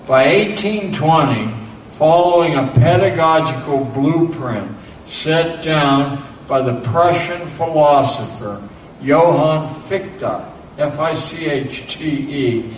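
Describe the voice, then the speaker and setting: A man reading a lecture aloud in a measured way, now and then spelling out names letter by letter. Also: on the high side. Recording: roomy, distant mic with faint background noise.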